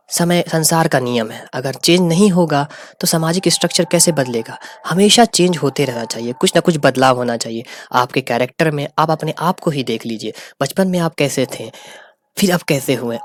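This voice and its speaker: A man teaching a sociology lesson, explaining and repeating key terms and mixing in English words. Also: mid-range voice. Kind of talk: sociology lecture.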